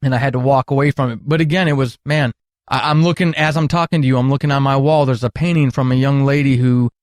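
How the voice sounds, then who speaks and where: A retired military counselor, middle-aged, tells candid, earnest stories at length as an interview guest, speaking emphatically. His mid-range voice holds a steady tone and moves fast, captured as a dry recording with clean studio sound.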